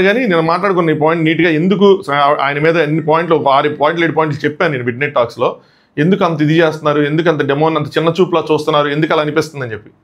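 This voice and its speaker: A man giving casual commentary as a TV show reviewer, recapping in a chatty way that mixes in English words. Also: fairly high pitch. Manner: acts out quoted lines from the show.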